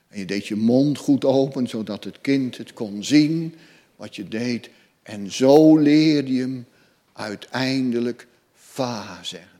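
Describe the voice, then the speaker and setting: Slow-preaching pastor in a reverberant church. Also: male voice, mid-range voice. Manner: impassioned preaching, swelling loud then dropping soft. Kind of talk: sermon. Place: church hall.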